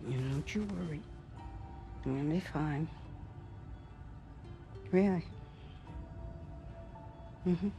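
Creaky, kindly older woman. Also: deep voice, takes it slowly, pauses often, over music. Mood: gentle, reassuring. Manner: folksy, teasing, reassuring. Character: bedridden older woman, kindly, wry and stubborn elder. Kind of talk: video game cutscene acting.

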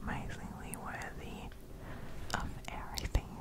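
A young woman gives a whispered pep talk as ASMR affirmations, breathy and soothing, repeating words, close to the microphone. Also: a little slow. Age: young adult. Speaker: ASMR host. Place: small indoor room. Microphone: close desk condenser mic with fluffy cover.

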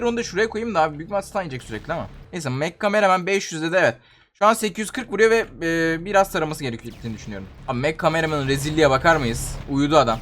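Fast, high-voiced young man gaming. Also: a bit bright, a little hiss or hum. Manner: chatty, exasperated, talks to viewers. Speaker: gaming YouTuber. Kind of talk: excited gameplay commentary.

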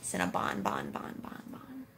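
A 29-year-old American woman vlogs from a hospital room, holding a phone camera at arm's length and chatting casually with viewers for a couple vlog. Her voice is a bit bright and a little slow, bubbly and giggly, with slight background noise.

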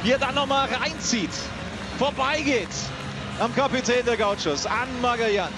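A man giving live football match commentary in an excitable way, full of exclaimed praise for the play. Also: extremely high pitch, measured pace. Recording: loud noise behind the voice.

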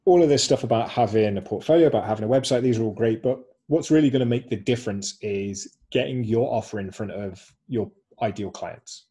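A man's voice: lowish voice, fairly quick, few pauses, dark tone, slightly rough. Upbeat man hosting a webinar. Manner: upbeat, repeats short slogans, many "um" fillers. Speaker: webinar co-host presenting slides. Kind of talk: casual webinar presentation.

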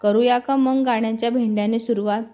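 A woman voicing a relaxed young man, a boss who speaks politely and easily. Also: fairly high pitch, fast talker, faint music behind, natural voice. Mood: easygoing. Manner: calm, polite, easygoing.

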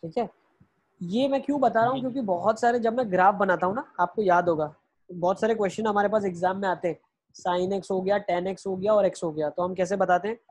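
A man's voice: high voice, fairly even intonation, brisk, darkish tone. A man teaching math in an online lecture, explaining each step and answering his own questions as he goes, with English phrases mixed in.

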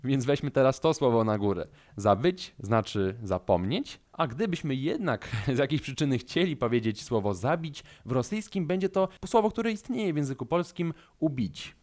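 A man with a Polish accent teaching a language lesson, calm and methodical, slowing down to stress key words. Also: mid-range voice.

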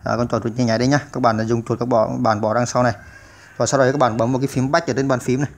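A man's voice: medium pitch, level tone, racing. A man hosting a computer typing tutorial, explaining step by step with many "à" fillers. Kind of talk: step-by-step screen-recorded tutorial.

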